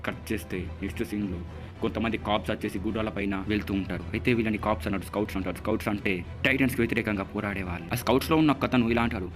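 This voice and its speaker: Guy racing thru an anime recap, chatty, does the characters' lines, mid pitch, faint music behind. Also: racing. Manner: chatty storytelling, acts out character quotes. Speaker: YouTube channel host. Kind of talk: casual anime episode recap.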